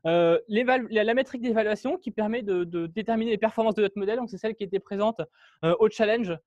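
A man's voice: high voice, fast, a little mellow, no room sound, highs cut off. A man giving a technical talk at a meetup, walking through code with many fillers and restarts. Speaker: meetup speaker. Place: meetup room.

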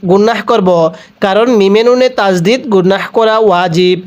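Heard through a muffled recording, a Bangladeshi man with a high, smooth, somewhat dark voice speaks at normal speed. He patiently teaches Quran recitation slowly, one syllable at a time, asking the listener to follow along aloud.

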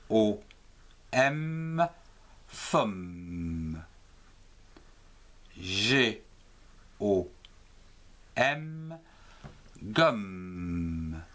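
A man teaching a slow reading lesson for early readers. He spells letters one at a time in a sing-song voice, rising on each letter and falling as he blends the syllable. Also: mid-range voice, fairly bright tone.

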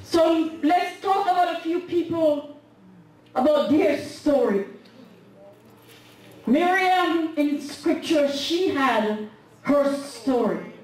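A middle-aged Canadian woman with an extremely high voice preaches as guest speaker at a women's convention, half-singing her lines and building to shouted peaks with impassioned force. She uses a handheld mic in a church sanctuary, captured by a distant camera with echoey sound.

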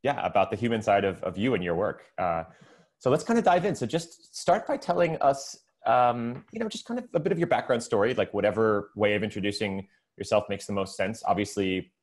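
Eager low-voiced male podcast host. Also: animated, fairly quick. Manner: eager, upbeat, filler-heavy. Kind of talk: casual video-call interview. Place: room indoors. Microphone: earbud headset mic on video call.

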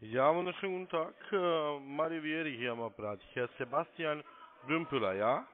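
A formal, polite call-centre agent in his thirties walks the caller through instructions step by step, spelling things out. His pitch is fairly high and his pace moderate, heard through a narrow phone line.

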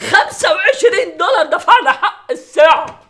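In this sitcom performance, a Lebanese-accented actor uses a full, very animated character voice at normal speed as an exasperated husband and dad. He teases and mocks, then turns to gentle coaxing, shifting between booming and soft.

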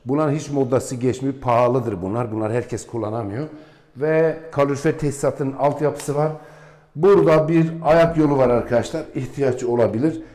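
A man's voice: medium pitch, moderate pace, warm tone. A man in his forties from Turkey, a real estate agent giving a rambling house tour with folksy asides, recorded on a camera mic while walking through an empty villa. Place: empty unfurnished villa, indoors. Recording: echoey empty rooms.

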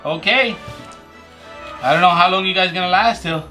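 A man's voice: sits high, normal speed, bright, forceful tone. A man in his thirties chatting casually as he hosts a family challenge, playful and encouraging. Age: 30s. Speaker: father hosting a family challenge. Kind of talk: casual chat, explaining and cheering on the game. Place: small indoor playroom, seated at a table. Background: music.

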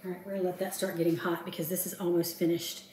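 Talking her way through a recipe, a home cooking vlogger in her fifties pokes fun at herself and chats to herself as she works. Her low, flat-pitched voice comes out fast against a noisy background. A camera across the counter captures her in an echoey kitchen where utensils and dishes faintly clink.

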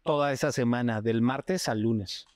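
A man with a Mexican accent, a guest actor telling animated stories in casual chat, full of slang and acting out other people. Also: medium pitch, measured pace, no echo, clean studio sound.

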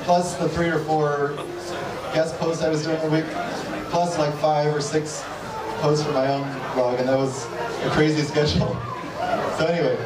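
A man in his thirties giving a relaxed, self-deprecating talk with a handheld mic at an evening event, often restarting his sentences. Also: on the high side, normal speed, pauses often. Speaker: guest speaker. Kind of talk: conversational talk and Q&A. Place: dark event hall, indoors. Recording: roomy hall audio from a distant camera, crowd behind. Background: audience.

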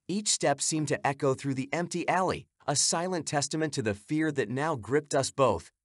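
A man's voice: mid-range voice, no room sound, studio quality. A man giving scripted, suspenseful narration of a horror story.

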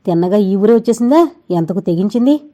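A woman voicing a loud scolding old mother. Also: medium pitch, animated, fairly quick, close to an everyday voice. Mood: angry scolding. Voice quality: loud, ringing voice. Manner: scolding, shouting. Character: loud scolding elderly mother, sharp-tongued grandmother. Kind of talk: audio novel reading.

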